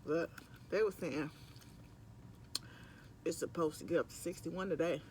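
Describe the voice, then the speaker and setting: A man's voice: on the high side, measured pace, a little mellow, slight background noise. A middle-aged man, chatting casually and ramblingly to viewers while eating, sometimes with his mouth full. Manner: rambling, conversational. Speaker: mukbang vlogger. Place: at work on lunch break.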